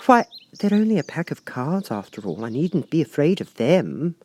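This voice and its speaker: A man's voice: fairly high pitch, big pitch swings, moderate pace, a little mellow, a little hiss or hum, pitched above the performer's own voice. A man voicing a polite, curious and plucky little girl from a storybook, with a decided manner. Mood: musing, plucky.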